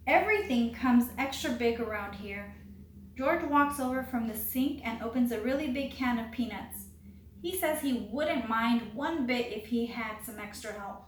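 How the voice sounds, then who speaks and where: A woman, a teacher, reading a children's picture book aloud in a clear, expressive storytelling voice. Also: fairly high pitch. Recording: roomy with faint background hiss.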